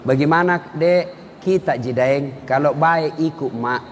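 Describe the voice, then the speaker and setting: A male preacher voicing a meek, obedient young wife, speaking softly and slowly in a reverberant hall. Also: on the high side, a little hiss or hum, pitched below the performer's own voice, natural voice.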